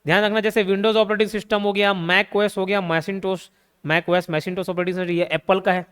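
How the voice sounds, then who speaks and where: A man's voice: high-pitched, level tone, moderate pace, fairly bright tone, smooth. A young man, teaching an exam-prep lesson full of playful memory tricks and repeated key words. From India. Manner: playful, repeats key words, asks and answers his own questions. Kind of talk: Hindi lecture with mnemonic tricks.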